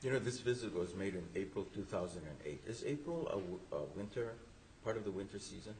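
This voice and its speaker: Very deep-voiced male judge, halting questions. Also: lively intonation, darkish tone, rough recording. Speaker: appellate justice questioning lawyers. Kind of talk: questioning from the bench. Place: courtroom. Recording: faint background noise.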